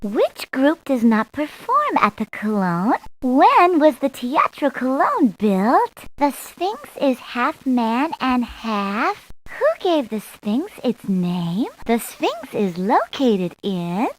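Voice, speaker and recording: A sweet young cartoon princess for a video game, with a high voice and very lively, swooping intonation. She poses scripted quiz questions slowly and deliberately, enunciating every word. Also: exaggerated voice, low-quality recording. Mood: sweet, inquisitive. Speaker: quiz character voice in an educational game.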